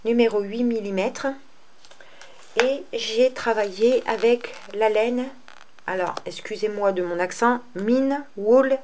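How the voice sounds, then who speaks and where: A woman hosting a crochet tutorial, explaining step by step in an unhurried, hesitant way with many fillers. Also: fairly high pitch, a little mellow. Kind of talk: casual spoken tutorial.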